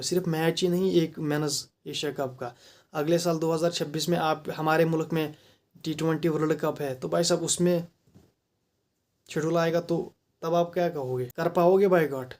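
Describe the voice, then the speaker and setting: A man's voice: on the high side, darkish tone. A man with a Kashmiri accent giving a heated, rhetorical opinion monologue, mixing English phrases into his talk. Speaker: commentator.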